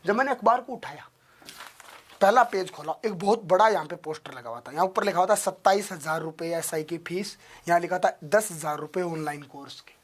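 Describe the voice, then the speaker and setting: A young man, a teacher from India, giving his students an impassioned motivational talk, his voice climbing to loud, emotional pleading. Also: high voice, brisk.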